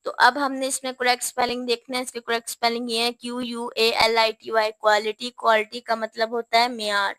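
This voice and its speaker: A woman with a Pakistani Urdu accent teaching English spelling, spelling words out slowly letter by letter. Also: on the high side, little pitch movement, a bit bright, no room sound. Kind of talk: spelling lesson.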